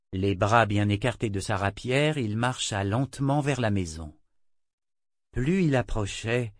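A man narrating a fantasy audiobook in a measured, even storytelling manner. His voice sits at a middle pitch. The recording is dry and close to the mic. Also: no room sound.

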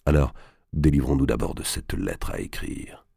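A man voicing an arrogant, scheming nobleman in an audiobook, coaxing in low tones, then barking orders. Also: expressive, normal speed, vocal fry, dark tone, slightly rough, dry recording, clean studio sound, exaggerated voice. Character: scheming arrogant nobleman, domineering, quick to rage. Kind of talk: audiobook character voice.

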